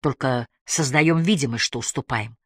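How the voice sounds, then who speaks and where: A woman reading a practical female police sergeant who speaks in a low, hushed, urgent way. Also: normal speed, breathy edge, dry recording, studio quality. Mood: reassuring.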